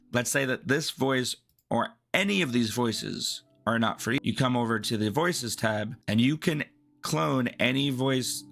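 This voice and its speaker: A man's voice: mid-range voice, gravelly, a bit bright. A man hosting a tech video, talking through a screen-recording tutorial in a casual, rambling, explanatory way.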